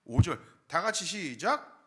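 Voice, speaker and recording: A man delivers a Sunday sermon from a church sanctuary, pitched somewhat high for a man. His voice leaps up on key points and sinks low at the ends of phrases. He keeps putting rhetorical questions to the congregation. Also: very animated, measured pace, fairly bright tone. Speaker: pastor.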